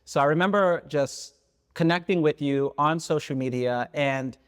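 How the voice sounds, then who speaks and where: A man's voice: on the high side, normal speed, clear, resonant tone, big-room sound. A man hosting a podcast, chatting loosely and encouragingly as he introduces and questions his guest. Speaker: podcast host. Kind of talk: podcast interview.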